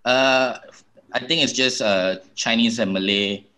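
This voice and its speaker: A man from Singapore, a comedian guest on a podcast, cracking deadpan, teasing jokes. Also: medium pitch, a little slow. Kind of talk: casual comedy podcast chat.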